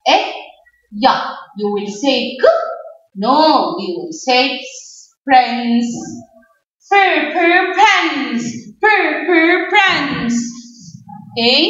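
A woman's voice: fairly high pitch, fairly bright tone. A woman with an Egyptian accent teaching a phonics lesson to young children, chanting sounds in a sing-song way and asking the class questions. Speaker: kindergarten English teacher. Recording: distant, echoey, dull classroom recording.

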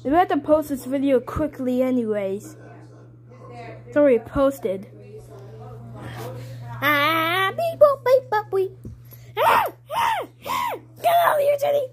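A performer voicing an excitable toddler boy, Baby Mario, in a childish, rambling way. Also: sits high, moderate pace. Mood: playful. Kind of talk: fan puppet video voice acting.

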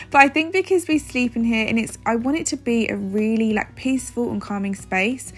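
A woman's voice: on the high side, moderate pace. A young woman, chatting upbeat to a phone camera at home, full of "like" and "um". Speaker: lifestyle vlogger. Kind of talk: casual vlog chat to camera. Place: bright home kitchen and bedroom, indoors. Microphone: phone held at arm's length.

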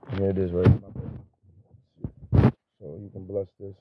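A man preaching freely and informally, with a stutter, halting and restarting through many fillers. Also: sits low, completely flat delivery, heavy background noise. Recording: tinny phone-like, dry.

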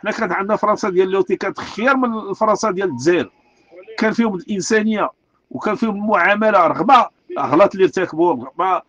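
A man's voice: sits high, rapid-fire, a bit bright, lo-fi sound. A man with a Moroccan Arabic accent, delivering an angry, repetitive rant full of rhetorical questions. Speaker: street artist speaking out. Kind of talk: impassioned rant.

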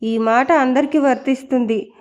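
A woman's voice: sits high, steady tone, moderate pace, muffled recording, lightly acted. A woman voicing a haughty, spiteful young woman who speaks scornfully in an audio novel.

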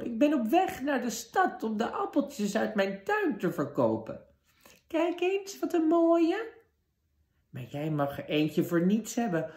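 A man voicing the evil queen disguised as a trembling poor old woman, with a high, shaky voice in an echoey room. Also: creaky, full character voice. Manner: quavering, high and slow. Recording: roomy echo.

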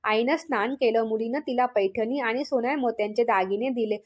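A woman with a slightly high voice narrates a devotional folk tale. She speaks the dialogue of each character in her own natural voice and does not put on separate voices. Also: fairly quick, dull audio. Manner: reads dialogue for every figure in her own voice. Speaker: storyteller.

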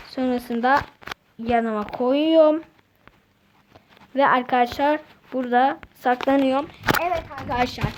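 A woman chats through her gameplay in a casual, excitable way, half talking to herself, half to her viewers. Her voice sits somewhat high. The home recording is noisy, with a hiss and clicks under it. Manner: chatty, excitable, talks to self and viewers. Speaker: gaming channel host.

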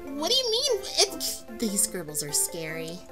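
A woman's voice: mid-range voice, wildly swooping pitch, a little slow, loud music behind the voice. A woman streamer commenting on a horror game and thinking aloud as she plays.

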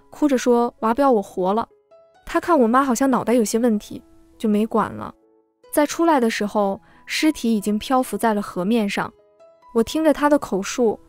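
A woman narrating a first-person family story as a scripted reading, in a sorrowful, heartfelt manner. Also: fairly high pitch. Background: faint background music.

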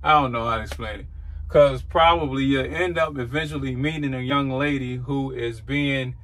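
A man's voice: mid-range voice, fairly even intonation, moderate pace, a bit bright. Earnest man talking in a truck cab. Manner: rambling, earnest, restarts. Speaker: trucker vlogger. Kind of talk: casual reflective talk.

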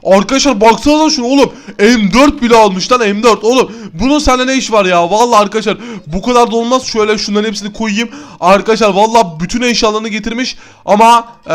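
Excitable high-voiced male gamer. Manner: excitable, exclaiming to viewers. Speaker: gaming YouTuber. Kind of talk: Minecraft gameplay commentary.

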